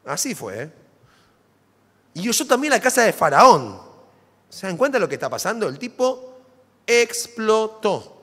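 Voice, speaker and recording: Animated Argentine preacher man. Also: sits high, moderate pace, pauses often, breathy edge. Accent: Argentine Spanish. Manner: dramatic, animated preaching with rhetorical questions. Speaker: pastor. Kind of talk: sermon. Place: church sanctuary. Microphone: stage microphone. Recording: long church hall reverb.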